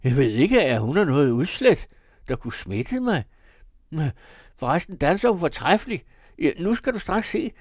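A male audiobook reader voicing a tipsy, excitable young man, the narrator's elder brother, in loud outbursts. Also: creaky, no echo, studio quality. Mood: excited. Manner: loud, excitable, high-strung. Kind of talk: audiobook character voice.

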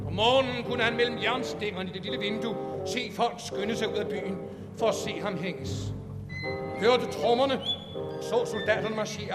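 A man reading a fairy tale aloud in a measured, dramatic storytelling way, from an archive recording. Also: sits high, big-room sound. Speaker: reader.

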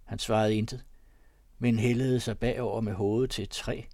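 Measured male audiobook narrator. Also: lowish voice, little pitch movement, a little mellow, dry recording, clean studio sound. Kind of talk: scripted narration of classic fiction.

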